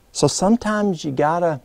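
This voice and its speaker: A man's voice: on the high side, takes it slowly, gravelly, a little mellow, dry recording. A middle-aged man, telling homespun stories in a rambling, folksy way with many fillers and restarts. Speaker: herbalist speaking to a group. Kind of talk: folksy storytelling talk.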